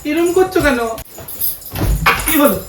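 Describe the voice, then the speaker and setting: A man's voice: very high-pitched, lively intonation, a little slow. A man pranking his wife in a home vlog, pleading and defensive, repeating himself over and over. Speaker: vlogger, prankster husband. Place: home at night. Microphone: ceiling-mounted camera, far off. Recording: echoey room, far mic, loud background noise.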